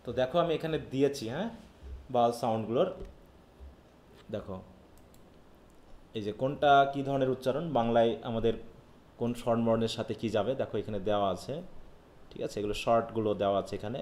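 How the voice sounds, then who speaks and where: A man's voice: mid-range voice, fairly even intonation, a little fast, pauses often, darkish tone, a little hiss or hum. Male teacher, live online lesson, patient and explanatory, roomy echo on the voice. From Bangladesh. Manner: explains patiently, often checks if students follow. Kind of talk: live online phonetics class. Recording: echoey room.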